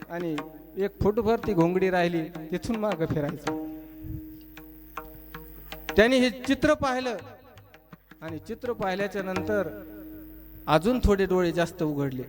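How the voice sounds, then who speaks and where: A man. He tells a devotional story, chanting verses slowly and acting out each character's lines. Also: high-pitched. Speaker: kirtan preacher.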